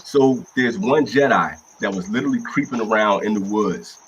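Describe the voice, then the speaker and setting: Casual co-host, man with a lowish voice, animated rants, faint crickets outdoors. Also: moderate pace, dull audio, noisy background. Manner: animated ranting, emphatic swearing. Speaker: podcast co-host. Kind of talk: casual chat.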